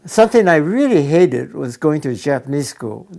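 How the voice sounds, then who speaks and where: Old man, gravelly, somewhat high, matter-of-fact, faint music. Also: big pitch swings, moderate pace, a little mellow. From San Francisco, USA. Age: 90s. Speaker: interviewee.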